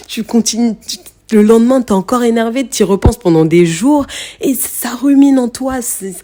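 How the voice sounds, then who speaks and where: A young woman with a mellow, warm voice hosts a motivational podcast. She talks straight to the listener in casual everyday speech. She repeats words often and fills her pauses. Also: mid-range voice. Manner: speaks directly to the listener, frequent fillers and repetitions. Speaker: podcast host.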